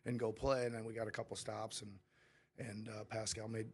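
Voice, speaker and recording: A man's voice: lowish voice, level tone, normal speed, husky. Middle-aged man, head coach at a press conference, rambling candid answers at a table mic. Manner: candid, rambling, with frequent restarts. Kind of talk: post-game press conference. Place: press room before a sponsor backdrop. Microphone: table mic in front of him.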